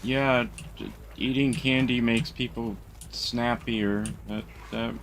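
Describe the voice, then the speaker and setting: A man's voice: mid-range voice, steady tone, slow, a bit bright, a little hiss or hum. A man streaming a game, talking casually in a blunt, grumbling, sarcastic way. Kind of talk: casual live-stream chat.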